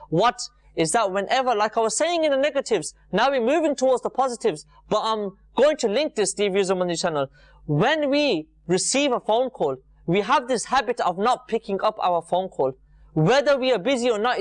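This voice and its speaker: Presenting a religious programme, a man addresses viewers in an earnest, informal way, repeating phrases to drive points home. His voice is high and there's no echo.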